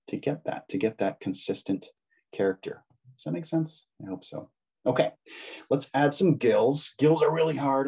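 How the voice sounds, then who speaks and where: A man's voice: lowish voice, darkish tone, breathy edge. A man giving a casual, encouraging draw-along lesson, chatting with children as he draws. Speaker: drawing instructor.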